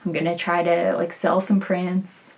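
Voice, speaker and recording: A woman's voice: fairly low pitch, level tone, measured pace. Chatty young woman vlogger. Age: 20s. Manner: chatty, self-deprecating, many fillers. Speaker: illustrator and vlogger. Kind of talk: casual get-to-know-me chat.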